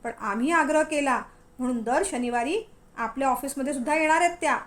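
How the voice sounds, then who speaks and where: A woman's voice: high-pitched, a little fast, natural voice. A woman voicing a stern, proud elderly father who heads a family business, speaking formally and with authority. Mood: commanding.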